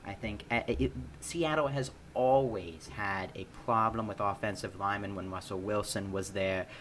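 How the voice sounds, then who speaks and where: Man, bright tense voice, stammering, sports podcast co-host. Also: fairly low pitch, moderate pace, slight background noise. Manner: stammering, repeats words when excited. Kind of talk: casual sports chat.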